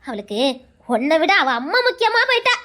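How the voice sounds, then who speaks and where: A woman's voice: very high voice, big pitch swings, fairly quick, bright, forceful tone, exaggerated voice. A woman playing a loving old grandmother who consoles her grandson, speaking with a Tirunelveli accent in an earnest, reassuring way. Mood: consoling. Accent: Tirunelveli Tamil. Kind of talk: village comedy drama acting.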